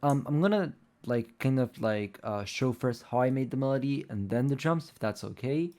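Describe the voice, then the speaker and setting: With an expressive, dark, medium-pitched voice at normal speed, a young man who speaks Spanish natively walks through a music tutorial. He rambles casually, with lots of fillers such as "um" and "like."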